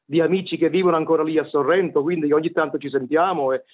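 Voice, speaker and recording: Over a tinny phone-line call to a radio show, a Neapolitan-accented man in middle age, a tenor and vocal coach from Naples, Italy, shares his story as an interview guest. He talks quickly in a somewhat high, steady voice, hesitant and wordy, with frequent repeated words.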